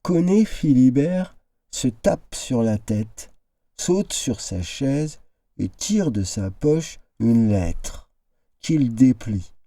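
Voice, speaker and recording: Slow, dark-voiced male storyteller. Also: expressive, dry recording. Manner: shifts into character voices, high exclamations. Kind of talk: expressive reading of an original tale.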